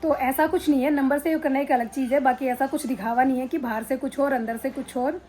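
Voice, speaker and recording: A woman's voice: high voice, steady tone, a little fast, darkish tone, slight background noise, poor audio. A middle-aged woman vlogging casually into a handheld phone at home, frank and rambling with many fillers. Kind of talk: casual talk to camera. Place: drawing room at home. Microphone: phone held in hand.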